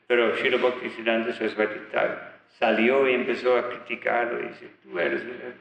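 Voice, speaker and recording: A man giving a religious talk, retelling stories of teachers in a halting way with many fillers and restarts. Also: medium pitch, fairly bright tone, a little hiss or hum. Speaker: spiritual teacher. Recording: echoey hall, dull lo-fi sound.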